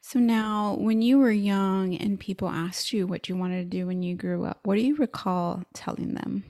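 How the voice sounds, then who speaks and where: A woman hosting a career podcast, with an encouraging scripted intro and then relaxed, supportive interview chat. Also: mid-range voice, normal speed, no echo, studio quality. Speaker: podcast host and career coach.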